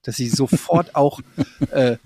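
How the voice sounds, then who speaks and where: Animated German-speaking man telling a story. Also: medium pitch, slow, no room sound. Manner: animated anecdote-telling, many restarts and fillers; gets worked up while recounting. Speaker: podcast co-host telling a story. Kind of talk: casual chat.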